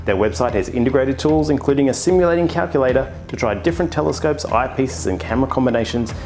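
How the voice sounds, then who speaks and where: An Australian man rattles through a comedic sponsor read at a brisk clip, keeping a deadpan mock-salesman tone. His voice sits at an ordinary middle pitch for a man. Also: soft background music. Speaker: astronomer and channel host.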